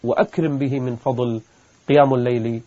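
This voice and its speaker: A man's voice: mid-range voice, fairly even intonation, fairly quick, mellow, highs cut off. A man preaching an emotional sermon, building to emphatic peaks and at times chanting scripture. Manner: impassioned, rising to emphatic peaks. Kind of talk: emotional sermon with Quranic recitation.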